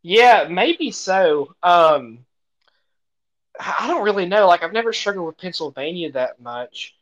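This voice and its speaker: American male podcast co-host, casual and chuckling, fairly high voice. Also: very animated, measured pace, fairly bright tone, muffled recording. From United States. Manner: laughs often mid-sentence. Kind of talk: casual chat.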